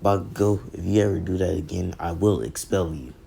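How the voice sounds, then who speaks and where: A man voicing a stern, strict male teacher who speaks flatly. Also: low voice, brisk, vocal fry, a little hiss or hum.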